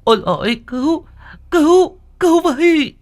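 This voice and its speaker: A man's voice: very high-pitched, lively intonation, a little slow, voice pushed up. A man doing a shrieking, terrified old mistress. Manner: shrieking, stammering in terror. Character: panicky, spiteful middle-aged mistress woman. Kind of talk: storytelling with voiced characters.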